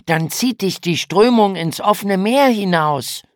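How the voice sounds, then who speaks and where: A woman's voice: medium pitch, lively intonation, unhurried, no echo, clean studio sound, pitched above the performer's own voice, natural voice. A woman voicing a cautious boy who warns his sister, in a raised, urgent voice. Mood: worried. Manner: worried, warning. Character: boy, cautious older brother.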